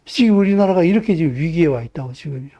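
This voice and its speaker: Impassioned high-voiced male pastor. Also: expressive, quick pace, lo-fi sound. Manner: impassioned, emphatic, rising to fervent peaks. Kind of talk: sermon. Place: church.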